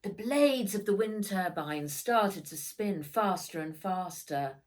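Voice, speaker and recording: Reading aloud from a children's book she wrote, a woman delivers it expressively with lots of dramatic emphasis. She speaks slowly in a mid-range voice.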